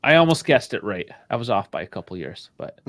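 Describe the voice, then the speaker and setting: A man's voice: on the low side, sing-song, a little fast, a bit bright. A man hosting a sports call-in show, loose and laughing, swearing casually. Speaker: host.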